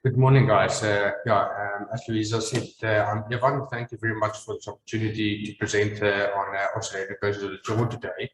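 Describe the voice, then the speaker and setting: A man from South Africa with a broad Afrikaans accent gives an informal medical lecture in a halting, hesitant way, often repeating words. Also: lowish voice, flat delivery, fairly bright tone, slight background noise. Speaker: presenter, maxillofacial team member. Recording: echoey hall with long reverb.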